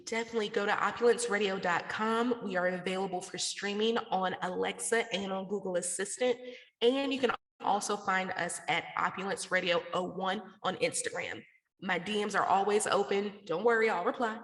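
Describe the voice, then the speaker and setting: This guest, founder of a podcast network, is a woman from the American South whose mid-range, fairly bright voice moves at a moderate pace. She chats in a relaxed, slangy way during a radio interview recorded in a reverberant, echoing room.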